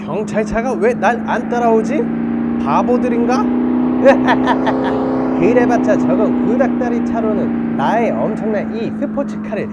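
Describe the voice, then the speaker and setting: Man putting on a boastful, animated toy robber villain. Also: high-pitched, normal speed, very noisy. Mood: smug. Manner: bragging, theatrical villain delivery. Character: boastful, gleeful male cartoon toy robber. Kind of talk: toy play storytelling for children.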